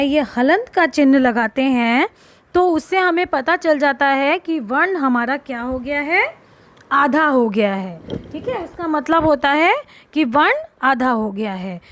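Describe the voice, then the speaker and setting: A woman teaches young children a grammar lesson at an unhurried pace. Her voice sits high, and she draws out single letters and words as she asks questions and answers them herself. The recording is dry, with no room sound. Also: fairly bright tone, no echo. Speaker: primary school teacher.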